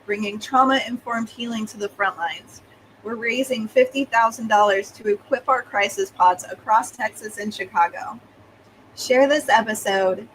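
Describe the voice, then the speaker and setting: A woman hosting a podcast, talking listeners through calm, scripted self-help guidance with worked examples. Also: medium pitch, a little hiss or hum, poor audio. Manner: calm, coaching tone with second-person examples. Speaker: podcast host.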